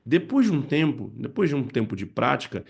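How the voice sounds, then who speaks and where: Very animated and fairly quick, with a medium pitch and vocal fry, a man teaches parents and teachers how poems fit into English lessons. He explains things step by step and keeps checking in using "né" and "tá."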